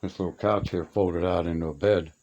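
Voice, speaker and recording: In a small upstairs room being stripped down to the studs, an older man shows his radio collection and chats casually about old times. His low, steady, darkish voice moves fairly quickly, with folksy, plainspoken phrasing and homespun grammar, and the highs are cut off.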